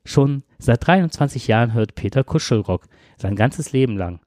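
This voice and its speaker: Brief: male host reading aloud, mellow tone, dry close sound. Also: mid-range voice, expressive, no room sound. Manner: brisk storytelling with asides.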